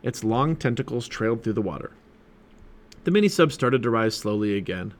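Man reading a storybook with animated rises. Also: medium pitch, moderate pace. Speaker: parent reading a book aloud. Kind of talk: storybook read-aloud.

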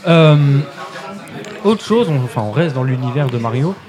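A man's voice: medium pitch, lively intonation, moderate pace, a crowd in the background. Chatty French man on radio. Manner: chatty, laughs often, many fillers. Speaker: radio gaming columnist. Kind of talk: casual radio chat.

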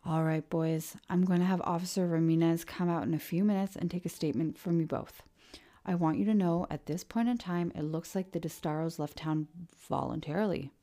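A woman reads an audiobook in a fairly low, fairly quick voice that sits close to everyday speech. She plays a stern middle-aged male sheriff who is also a weary father, firm and commanding, and he gets loud when angered.

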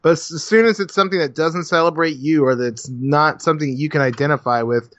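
Co-host, male, slightly high voice, blunt and swearing, dry lo-fi recording. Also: fairly quick, fairly bright tone, no room sound. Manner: blunt, profane, heated. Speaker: podcast co-host. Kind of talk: casual podcast chat. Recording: dry, dull lo-fi sound.

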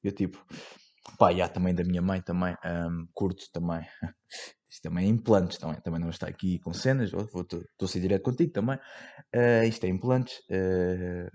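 A man's voice: sits low, fairly even intonation, normal speed, mellow. A young man with a European Portuguese accent, hosting a casual solo podcast, rambling in slang with many fillers and swearing. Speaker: podcast host.

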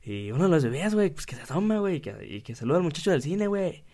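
A man's voice: fairly high pitch, big pitch swings, quick pace, darkish tone, pitched above the performer's own voice. A man putting on a rowdy young man with a Monterrey accent, drawling and saying güey after every phrase. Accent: northern Mexican, Monterrey. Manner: exaggerated drawl, says güey constantly.

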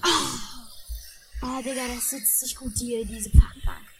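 A woman's voice: fairly high pitch, fairly even intonation, unhurried, faint music behind, poor audio. A woman improvising a role-play in casual slang, sometimes dropping to a whisper.

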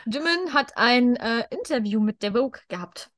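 A woman's voice: fairly high pitch, expressive, moderate pace, fairly bright tone, no echo, clean studio sound. A young adult woman co-hosting a podcast, talking casually as a fan with English words dropped into her German. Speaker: podcast co-host.

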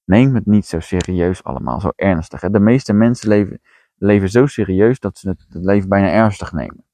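Deep-voiced blunt Dutch-speaking coach. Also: male voice, a little fast, mellow, dry recording. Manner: direct, blunt, plainspoken. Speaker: podcast host and coach. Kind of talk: coaching monologue.

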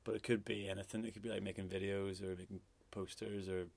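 A man, a musician, chatting casually in an interview, relaxed and hesitant with many fillers. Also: low voice, fast, gravelly. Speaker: musician guest.

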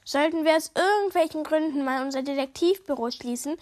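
A woman's voice: high voice, fairly quick, a little mellow, close to an everyday voice. Woman voicing a playful boy detective. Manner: playful, joking. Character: cheerful young boy detective.

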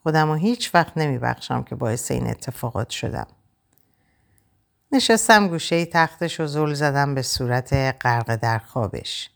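A woman narrating a novel in the first person, in a quiet, reflective, measured way. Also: extremely low pitch, animated, vocal fry. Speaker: audiobook narrator.

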